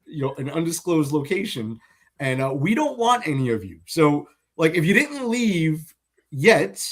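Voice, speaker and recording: A male co-host trades casual political banter in a blunt, sarcastic manner. His voice is a bit high for a man and very animated in pitch. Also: unhurried. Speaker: talk show co-host.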